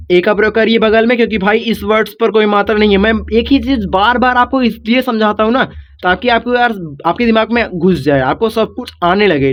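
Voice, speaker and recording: A man's voice: high-pitched, fairly bright tone. A man teaching a video lesson, patiently repeating each step and talking to his viewers as if they were kids. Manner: patient, repetitive explaining, addresses viewers as kids. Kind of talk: classroom-style video lesson. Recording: dull lo-fi recording.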